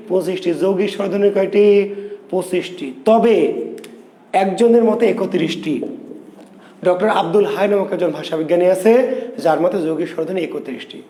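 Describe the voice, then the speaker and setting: A man's voice: high-pitched, dark tone. A male teacher giving an exam-prep grammar lesson, drilling each point with repeated questions and answers. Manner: slows to spell out sounds. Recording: echoey room.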